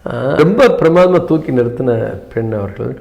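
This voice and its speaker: A man in his seventies, an interview guest, speaking in a measured, hesitant way with many fillers and some English phrases. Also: mid-range voice, expressive, creaky, a little mellow. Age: 70s. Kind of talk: reflective interview talk.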